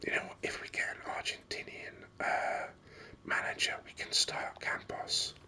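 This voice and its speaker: Leaning in near the microphone, this gaming host muses through ASMR commentary in a breathy whisper, slow and tentative. The voice sounds pushed and bright.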